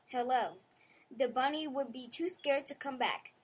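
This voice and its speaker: A woman narrating a children's storybook in a clear, gentle storytelling manner. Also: high-pitched, normal speed, poor audio. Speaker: audiobook narrator.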